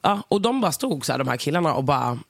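A woman's voice: low voice, creaky, dry recording. Irritated woman ranting, dry mic. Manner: animated, many fillers, acts out quotes. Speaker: podcast co-host. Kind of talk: casual chat, storytelling a rant.

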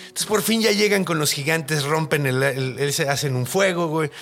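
A man with a Mexican accent, hosting a podcast and retelling a tale in animated, slang-heavy, swearing casual speech. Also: a little high, moderate pace, soft background music. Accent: Mexican Spanish. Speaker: podcast host. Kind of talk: casual storytelling.

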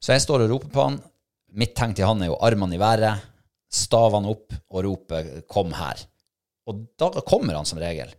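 Middle-aged man, lowish voice, animated casual storyteller. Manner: animated, acts out his own thoughts and shouts. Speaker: podcast co-host, hunting dog handler.

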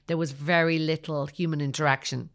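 A woman's voice: deep voice, steady tone, fairly quick. A woman in her forties with a south-west Irish Kerry accent, telling her story candidly and chattily in a conversational interview. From County Kerry, Ireland. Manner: chatty, candid, peppers talk with "you know". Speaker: podcast guest, financial advisor.

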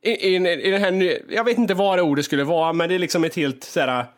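Male co-host, casual banter, a touch high-pitched, cursing, lively retelling of everyday irritations. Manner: animated, swears freely, acts out his own inner talk. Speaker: podcast co-host. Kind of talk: casual chat.

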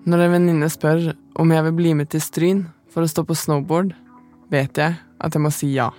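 A woman, the podcast's narrator, telling her own story in calm, measured, scripted first-person narration. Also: low voice, faint music behind.

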